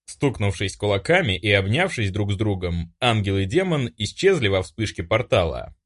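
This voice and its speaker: A man narrating an audiobook in an expressive storytelling manner. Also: lowish voice, normal speed. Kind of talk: scripted narration.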